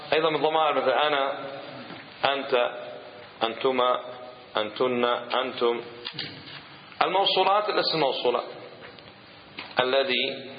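A man gives a grammar lesson and patiently recites word lists in a steady, measured rhythm. His voice sits at an ordinary middle pitch. It carries a long echo through a lecture room on a dull, lo-fi recording with a faint hiss underneath. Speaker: grammar teacher. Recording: echoey hall, dull lo-fi sound.

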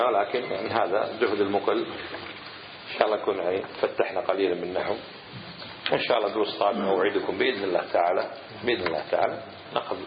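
A man teaching a grammar class. He explains patiently and reads word lists in a measured cadence. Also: on the low side, a little hiss or hum. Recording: echoey hall, dull lo-fi sound.

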